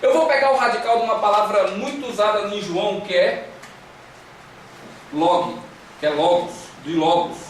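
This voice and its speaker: A man's voice: high voice, normal speed, pauses often. A man with a Brazilian Portuguese accent teaching a Greek class, drilling students with repeated syllables and coaxing questions. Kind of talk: classroom lecture. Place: classroom with echo. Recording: echoey room, distant mic, faint hiss.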